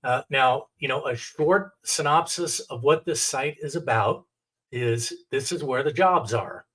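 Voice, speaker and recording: A man's voice: medium pitch, unhurried, a bit bright, breathy edge, rough recording. A middle-aged man with an American accent giving a courteous, step-by-step instructional presentation on a screen share. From United States, Oregon. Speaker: technical director and adjunct lecturer.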